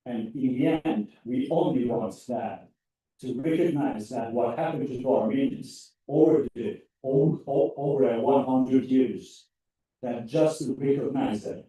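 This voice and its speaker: A man's voice: mid-range voice, dark tone. Earnest young man from Turkey, echoey hall. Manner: earnest, halting, some non-native phrasing. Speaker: student club member. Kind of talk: public comment at a meeting. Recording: echoey hall, mic from a distance.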